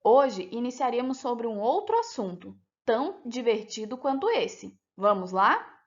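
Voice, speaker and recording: A woman teacher with a Brazilian Portuguese accent, talking children through a lesson with slow, clear, deliberate pronunciation. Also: on the high side, very animated. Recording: dull lo-fi sound.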